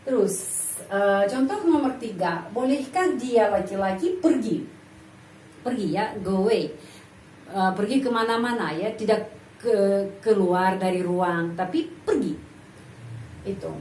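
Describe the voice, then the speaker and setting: A woman's voice: medium pitch, a little slow, darkish tone, a little hiss or hum. A woman giving a language lesson, explaining patiently and repeating example phrases. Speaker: language teacher. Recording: echoey room, voice from off-mic.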